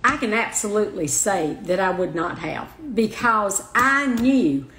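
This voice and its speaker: An older woman speaking as a guest in a heartfelt interview, soft and halting, often restarting her sentences. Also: mid-range voice, expressive, a little hiss or hum. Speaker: guest, mother of the host. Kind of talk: emotional personal interview. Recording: roomy echo.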